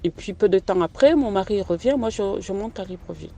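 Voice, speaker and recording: A woman's voice: medium pitch, lively intonation, a little fast, warm tone, slight background noise. A middle-aged woman tells a personal story in a hesitant, conversational way, full of fillers and restarts. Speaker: storyteller sharing a personal testimony. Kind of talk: casual spoken testimony.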